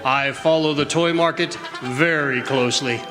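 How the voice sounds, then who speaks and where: A man's voice: mid-range voice, fairly even intonation, moderate pace, natural voice. A man playing a kindly, jolly old Santa with a reassuring manner, acting in a radio drama. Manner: jovial, chuckling, gently reassuring. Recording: echoey hall stage, music behind.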